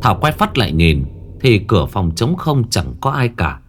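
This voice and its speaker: A man's voice: on the low side, sing-song, moderate pace, noisy background. A man narrating a ghost story in a dramatic, suspenseful way. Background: faint music.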